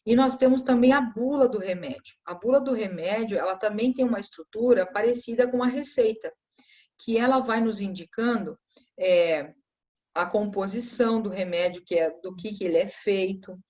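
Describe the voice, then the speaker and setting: A woman's voice: mid-range voice, moderate pace, darkish tone, muffled recording. Lady teacher going over a review, patient, keeps checking in with the class. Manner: patient, explanatory, frequent tag questions.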